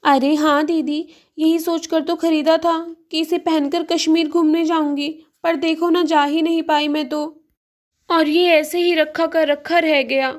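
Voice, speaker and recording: A woman's voice: sits high, level tone, unhurried, pitched above the performer's own voice. A woman voicing a cheerful younger sister-in-law in a doll story, chatty and teasing toward her elder.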